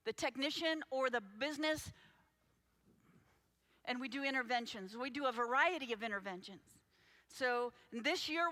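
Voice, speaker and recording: Woman, high voice, bright and forceful tone, impassioned talk, urgent, addresses the crowd directly. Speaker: anti-trafficking advocate.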